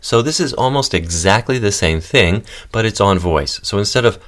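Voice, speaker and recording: A man hosting a podcast voice lesson, calmly guiding listeners through breathing, fuffing and humming exercises. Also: on the low side, moderate pace. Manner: calm, guiding instructions with demonstrations. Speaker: voice and text coach.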